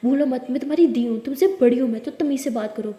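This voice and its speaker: A woman's voice: high voice, fast, mellow, close to an everyday voice. A woman voicing a bossy, irritable older sister who scolds. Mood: irritated. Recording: echoey room with long reverb.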